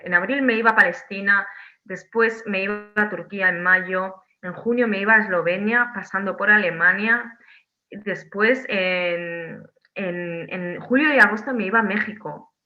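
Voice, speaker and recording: A woman from Spain, a theatre director talking as a guest on a video call from home, animated, with many restarts and tag questions. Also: mid-range voice, highs cut off. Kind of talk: casual online interview.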